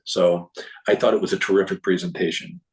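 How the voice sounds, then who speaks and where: Gravelly low-voiced man recapping a conference. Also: level tone, a little fast, rough recording. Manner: rambling, restarts, clears throat often. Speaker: presenter reporting on a symposium. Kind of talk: casual talk to a group.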